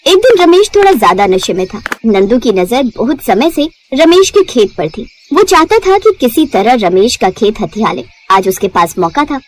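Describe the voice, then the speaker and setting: A woman narrating a cartoon story in a steady, expressive storytelling voice. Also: a little high, moderate pace, hardly any pauses, slight background noise.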